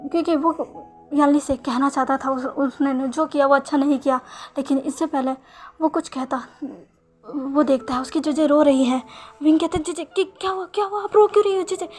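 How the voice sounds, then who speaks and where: A woman narrating a romance fan story in a casual way, with small restarts. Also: sits high.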